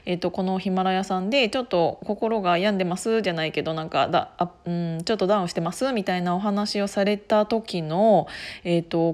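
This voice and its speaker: A woman hosting her own audio talk show, chatting casually on her own with frequent fillers and light laughter. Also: medium pitch. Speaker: podcast host.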